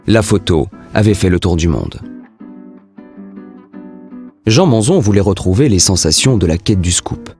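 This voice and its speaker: Low-voiced male documentary narrator. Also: sing-song, unhurried, long pauses, darkish tone, faint music behind. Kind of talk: scripted narration.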